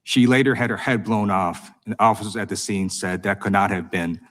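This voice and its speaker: A man's voice: lowish voice, fairly even intonation, a little fast. Accusatory American man, pressing hard. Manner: prosecutorial, accusatory, insistent. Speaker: congressman questioning a witness at a hearing. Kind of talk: formal adversarial questioning. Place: government hearing room.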